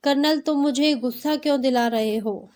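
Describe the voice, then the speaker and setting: A woman's voice: high voice, moderate pace, a little mellow, close to an everyday voice. A woman reading the lines of a fierce, grieving young man in a storybook tale. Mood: furious.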